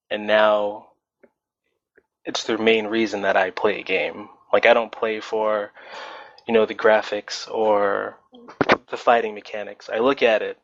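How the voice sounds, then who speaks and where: His lowish, gravelly voice comes through dry, dull lo-fi voice chat audio with no room sound. He is a podcast guest in his twenties, chatting loosely and rambling with frequent fillers.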